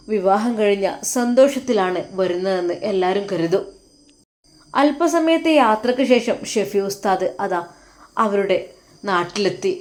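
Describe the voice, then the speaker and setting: A woman narrating a family story in a dramatic, present-tense storytelling style. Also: medium pitch.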